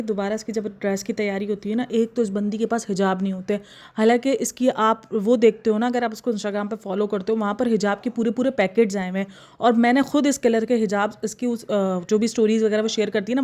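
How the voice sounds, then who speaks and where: A woman reaction vlogger giving casual, gossipy commentary, animated and often exasperated. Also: fairly high pitch.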